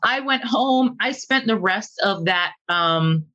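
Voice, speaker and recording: Bright-voiced woman telling a story. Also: takes it slowly. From Barbados. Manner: lively, acts out quoted dialogue with sudden pitch jumps. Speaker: podcast guest, physical therapist. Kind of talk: conversational storytelling in an interview. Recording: slightly muffled lo-fi audio.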